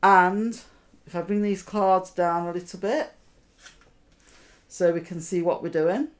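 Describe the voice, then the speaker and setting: A woman magician with a fairly low voice hosts a card trick, deliberately walking her audience through each step. She keeps checking in with them by asking questions along the way.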